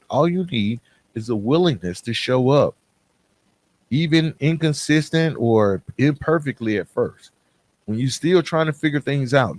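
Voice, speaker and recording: Speaking directly to his audience, this male podcast host has a mid-range, darkish voice. His motivational talk is plain-spoken and emphatic, built on repeated and contrasted phrases.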